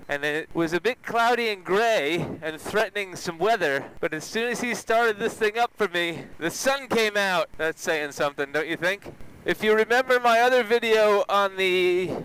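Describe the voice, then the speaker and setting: A man's voice: high voice, moderate pace, fairly bright tone, low-quality recording. Man talking inside a helmet while riding. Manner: speaking up over wind from inside a helmet. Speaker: motorcycle reviewer and vlog host. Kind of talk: casual motovlog commentary while riding. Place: outdoors, riding a motorcycle. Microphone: microphone inside a helmet. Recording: helmet mic with engine and wind noise.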